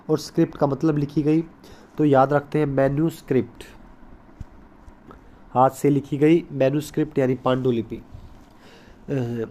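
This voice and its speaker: A man with a somewhat high-pitched voice gives a recorded school lesson. He explains patiently and step by step, stops often to stress the important points, and slips English terms into his Hindi. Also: a little mellow. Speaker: teacher.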